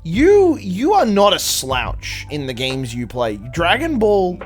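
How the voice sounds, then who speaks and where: A man hosting a podcast in casual chat, excitable and teasing, swearing heavily as he quizzes his guest. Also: high-pitched, slow pace, soft background music. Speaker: podcast host.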